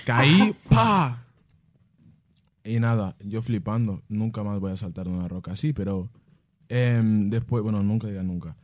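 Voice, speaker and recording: A man, a musician answering fan questions in casual, animated storytelling, laughing and mimicking sounds and voices. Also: on the low side, unhurried.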